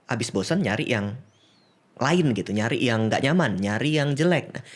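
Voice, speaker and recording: A man's voice: medium pitch, animated, moderate pace. A man, a psychiatrist guest explaining cases with examples in a casual podcast chat, laughing easily and mixing in English.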